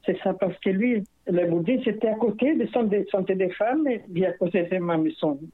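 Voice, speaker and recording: A woman's voice: mid-range voice, normal speed, no echo. A middle-aged woman with a foreign accent, a singer-songwriter talking casually as a radio guest, rambling with many hesitations. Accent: foreign accent in French. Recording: tinny phone-line sound.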